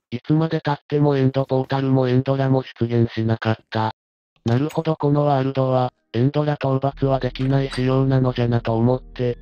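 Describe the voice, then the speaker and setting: A man's voice: mid-range voice, smooth, close to an everyday voice. A man voicing a stubborn old grandpa gamer who talks in old-fashioned elderly speech endings. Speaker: co-player. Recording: dull lo-fi sound with faint music.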